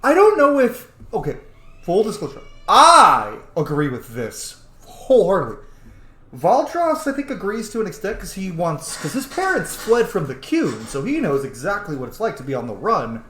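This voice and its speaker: With a high, wildly swooping, sharp-toned voice at normal speed, a game streamer and roleplayer comments casually on a roleplaying game. He's chatty and opinionated, reading text aloud and reacting, and the audio is roomy with faint noise behind.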